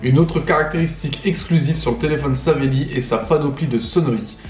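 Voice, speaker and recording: A man's voice: on the high side, brisk, faint music behind. A young man hosting a reaction video, reading captions aloud and joking about them with lots of laughter. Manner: animated, laughs often, reads captions aloud then mocks them. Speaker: YouTuber host. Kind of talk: casual reaction commentary. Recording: echoey room.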